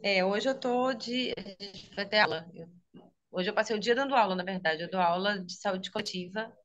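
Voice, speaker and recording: A woman with a Minas Gerais Brazilian Portuguese accent talks about her work as a speech therapist and health teacher in a casual video-call interview. Her voice is medium-pitched and a bit bright, her pace moderate, and the audio dull; she often adds "né?" and laughs easily.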